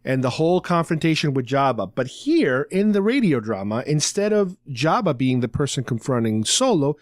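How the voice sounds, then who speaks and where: This podcast host chats conversationally about a radio drama, paraphrasing its lines loosely for fellow fans. His medium-pitched voice is very animated at a normal speed, and the recording is dry and clean.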